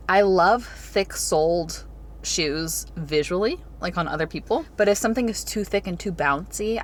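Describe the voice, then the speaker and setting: A woman's voice: on the low side, slight background noise. A young woman vlogging in a casual, chatty, rambling way, filling her talk with "like". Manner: chatty, rambling, filler "like" throughout. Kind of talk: casual vlog chat.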